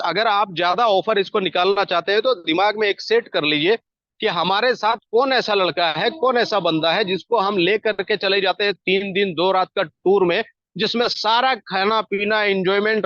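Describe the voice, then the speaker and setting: A high-pitched man delivers an emphatic, repetitive business pep talk, stacking phrase on phrase to push his point. The sound is dry and slightly dull, like a lo-fi recording. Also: dry recording. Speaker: network marketing team leader.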